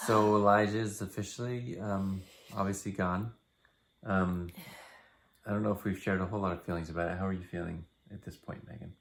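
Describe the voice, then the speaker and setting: A middle-aged man chatting casually as a vlogging father, thinking aloud in a hesitant, measured way. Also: sits low, steady tone, creaky. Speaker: father and family vlog co-host. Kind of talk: casual, reflective vlog chat.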